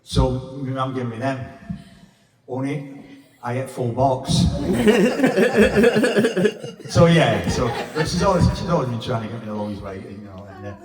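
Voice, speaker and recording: A man's voice: medium pitch, sing-song, a little slow, long pauses, a crowd in the background. A man in his fifties with a Sheffield accent, doing a blunt, sweary, rambling stand-up set in a pub. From England. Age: 50s. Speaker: stand-up comedian. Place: pub function room. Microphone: stage mic with reverb. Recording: echoey reverb room from far off.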